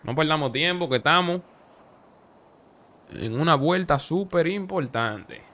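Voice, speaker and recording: A young man, streaming a role-play game. He talks fast and animated through his headset mic, joking and boasting in character and to his viewers. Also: on the high side. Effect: livestream headset mic audio. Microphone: headset microphone.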